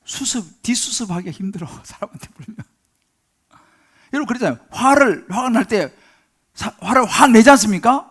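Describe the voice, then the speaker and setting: Male pastor, high gravelly voice, dramatic sermon with pleading outbursts and hushed asides. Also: lively intonation, normal speed. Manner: dramatic, acts out pleading prayers, drops to whispers. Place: church sanctuary.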